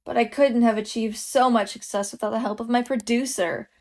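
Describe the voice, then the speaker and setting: A woman's voice: a little high, steady tone, a little fast, a little mellow, lightly acted. A woman voicing a smug, grandiose female idol who is secretly an eldritch god. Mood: haughty.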